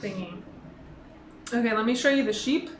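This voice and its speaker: A woman's voice: fairly high pitch, normal speed. A woman hosting a casual chat while touring a game world, playful and giggly. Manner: playful, giggly, slips into a pirate voice. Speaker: host. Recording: echoey room with steady noise.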